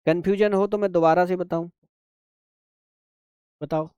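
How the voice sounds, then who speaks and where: A man teaches shorthand in a live online class. His voice sits a little high for a man, and the recording is dry and close, with no room sound. He takes each step slowly and keeps checking that the class has followed. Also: steady tone, mellow, smooth, dry recording, lo-fi sound. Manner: patient, repeats steps, checks if students understand.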